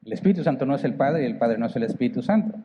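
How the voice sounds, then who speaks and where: Northern Mexican pastor, joking and conversational. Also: male voice, medium pitch, animated, very fast, dark tone, big-room sound, muffled recording, a little hiss or hum. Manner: conversational, jokes with the congregation, asks rhetorical questions. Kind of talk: sermon. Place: church hall.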